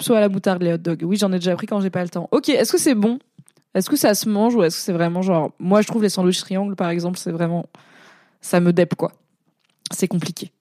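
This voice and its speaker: A woman's voice: medium pitch, dark tone, no echo, clean studio sound. A woman streamer in casual live chat, rambling along with many fillers and asides as she reacts to comments. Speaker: streamer and content creator.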